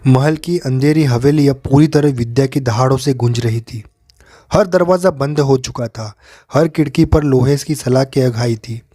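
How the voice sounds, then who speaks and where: A man narrating a horror story in a steady, dramatic way. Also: medium pitch, normal speed, no room sound, clean studio sound.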